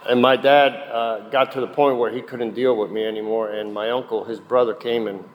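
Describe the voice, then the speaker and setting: A man's voice: medium pitch, steady tone, fairly quick, lo-fi sound. A middle-aged man from Puerto Rico, raised in New Jersey, gives a candid, conversational recovery testimony with frequent fillers at a meeting. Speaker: guest speaker at a recovery meeting. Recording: long reverb in a hall, faint noise.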